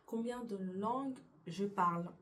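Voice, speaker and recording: A woman's voice: mid-range voice, unhurried, a bit bright, a little hiss or hum. A young woman casually answering get-to-know-me questions for her vlog in her bedroom, often hesitating and restarting her sentences. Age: young adult. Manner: hesitant, many fillers and restarts. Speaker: YouTuber. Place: her bedroom beside a window.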